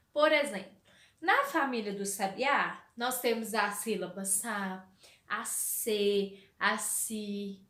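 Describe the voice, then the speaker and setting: A woman teaching a recorded spelling lesson to young children, talking slowly in a sing-song way and asking questions she answers herself. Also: high-pitched, fairly bright tone. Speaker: primary school teacher. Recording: echoey room, voice off-mic.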